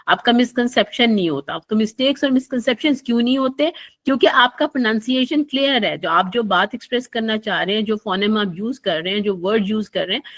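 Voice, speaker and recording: A woman teaches pronunciation in a recorded lecture for online tutors. She explains patiently at a medium pitch, circling back over her points and pausing on small fillers as she goes. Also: a bit bright.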